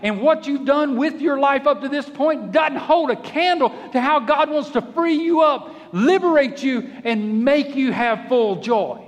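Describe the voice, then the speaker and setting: A man preaching an animated, folksy sermon as a pastor, acting out little voices to make his points. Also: very high-pitched, measured pace, hardly any pauses, big-room sound.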